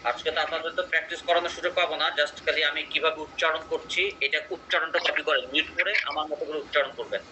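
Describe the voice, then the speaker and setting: A man's voice: on the high side, fairly even intonation, very fast, few pauses, pushed and bright, lo-fi sound, slight background noise. A man teaching an online English pronunciation class in a conversational way, often checking in with his students.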